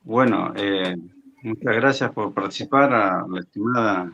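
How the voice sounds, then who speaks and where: A man co-hosting who speaks hesitantly, slowly finding his words, heard over a dull lo-fi line. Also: on the low side, creaky, bright, forceful tone. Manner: hesitant, slow to start. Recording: dull lo-fi line with faint noise.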